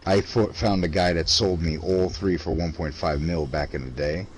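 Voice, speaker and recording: A man's voice: low voice, steady tone, normal speed, over music. A man in casual gaming chat, telling rambling, informal and mildly salty stories to a teammate. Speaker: video game player chatting with a teammate. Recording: clearly noisy game stream voice chat.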